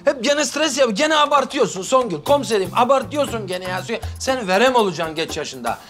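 Teasing easygoing husband, lively swooping delivery, TV drama, faint music underneath. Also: male voice, extremely high pitch, brisk. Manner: teasing, coaxing, animated. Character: easygoing teacher husband, playful. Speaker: teacher. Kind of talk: TV drama acting.

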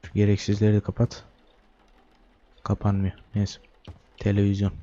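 A man's voice: lowish voice, completely flat delivery, normal speed, dark tone, dull audio. A young man giving joking horror game commentary, talking to the baby character and reading game text aloud. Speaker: gaming YouTuber.

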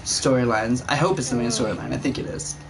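A young man gives casual let's play commentary in an average-pitched voice. Clear game noise runs behind him as he talks. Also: quick pace. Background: game dialogue and ambience.

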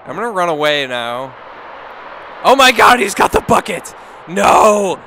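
A drunk man commentating on a wrestling video game, swearing, shouting and laughing at what happens on screen. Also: sits high, sing-song, measured pace, creaky, a little hiss or hum. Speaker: gameplay commentator. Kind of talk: drunk let's-play commentary. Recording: game music behind the voice. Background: video game music.

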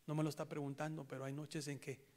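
A man preaching a sermon with a Latin American Spanish accent, swinging from hushed near-whispers to loud impassioned outbursts in a church. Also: a little high, little pitch movement, fast. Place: church sanctuary in Chicago.

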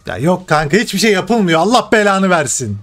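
A man's voice: sits high, sing-song, brisk, faint music behind. Frustrated gamer swearing over his match. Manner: frustrated swearing, shouts at the game. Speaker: gaming streamer. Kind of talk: live gameplay commentary.

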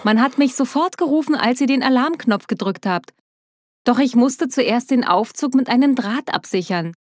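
A woman's voice: high-pitched, expressive, normal speed, a little mellow, no room sound, studio quality. A woman voicing a heavyset male mechanic who is out of breath and apologetic. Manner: panting, apologetic.

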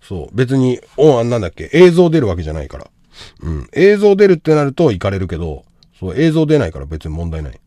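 A man hosting a livestream, reading out a viewer's love troubles and impatiently insulting him to join the call, dropping to mutters and then bursting into shouts. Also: medium pitch, wildly swooping pitch, a little fast, no echo, studio quality. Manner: brash, insulting, impatient, swinging from mumbles to shouts. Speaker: livestream host giving advice. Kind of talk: livestream chat reading comments.

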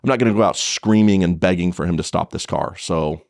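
Deep-voiced blunt cop telling a story. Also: male voice, a little fast, gravelly, a little mellow, no room sound, clean studio sound. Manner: blunt, profane, retelling with restarts. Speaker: police officer guest. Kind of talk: conversational podcast storytelling.

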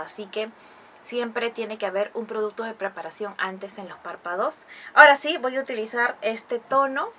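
A woman's voice: on the high side, a bit bright, a little hiss or hum. A woman vlogger, chatting through a makeup review and tutorial, fond of diminutives. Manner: chatty, explanatory, uses many diminutives. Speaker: beauty vlogger.

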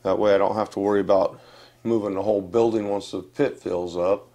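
This time the channel host, an older man from West Virginia, talks briskly in a fairly low, mellow voice with fairly even intonation. His casual update to camera, recorded on a lapel mic in a wood-furnished room, is plain-spoken and rambling, with lots of fillers and restarts.

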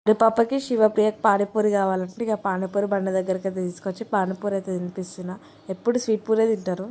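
A woman's voice: medium pitch, level tone, very fast, darkish tone, a little hiss or hum. A young woman, chatting casually to camera in a vlog, switching to soothing a crying child now and then. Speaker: vlogger.

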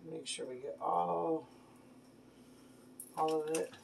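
Heavy background noise fills this casual cooking vlog, where a woman in her thirties talks slowly in a low-pitched voice while cooking with her daughter and praising her frequently. It's shot on a phone camera on a home kitchen counter, with dishes and pans clattering clearly.

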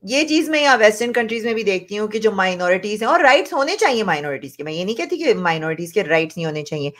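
A woman's voice: medium pitch, big pitch swings, quick pace, fairly bright tone. Woman, reaction vlogger, emphatic, repetitive, mixes in English. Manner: emphatic, repetitive, switches between Hindi and English. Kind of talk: opinionated reaction commentary.

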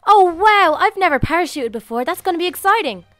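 A woman's voice: very high-pitched, animated, fairly quick, a bit bright, dry recording, soft background music. A woman playing a cheerful, adventurous little girl in an improvised video game roleplay, enthusiastic and casual. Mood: keen.

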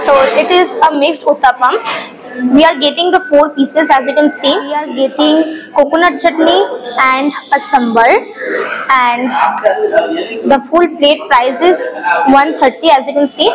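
A woman's voice: sits high, low-quality recording. A young woman from India with a Bengali accent, reviewing dishes in a casual food vlog, eager and full of short exclamations as she tastes. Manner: enthusiastic, short exclamations while tasting. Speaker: food vlogger. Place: busy restaurant, indoors. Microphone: clip-on lapel mic. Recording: crowd noise in a busy restaurant. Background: restaurant crowd chatter.

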